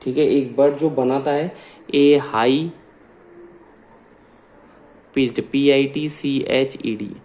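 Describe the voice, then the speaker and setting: A man's voice: mid-range voice, fairly even intonation, darkish tone. A man with an Indian accent, a science teacher dictating class notes and spelling out words letter by letter. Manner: slow dictation, spells out words letter by letter, mixes Hindi and English.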